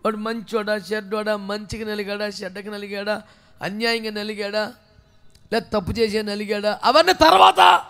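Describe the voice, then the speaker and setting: A male pastor preaching a sermon with passion, dropping to a hush and then rising to a shout, with many questions aimed at the congregation. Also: high-pitched, moderate pace, smooth. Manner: impassioned preaching, swinging from hushed to shouting.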